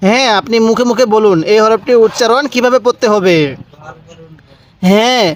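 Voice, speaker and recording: Man, high voice, beginner reading lesson, slow repetition, prompts the listener to repeat. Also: fairly even intonation, a little hiss or hum. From Bangladesh. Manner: slow, repeats each letter and asks listeners to say it back. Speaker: Quran reading teacher. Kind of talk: step-by-step letter lesson.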